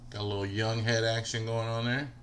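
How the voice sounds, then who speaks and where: A man's voice: lowish voice, flat delivery, a little fast, a bit bright, a little hiss or hum. A man in his forties hosting a casual livestream, chatting with viewers and answering their comments by name. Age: 40s. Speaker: livestream host.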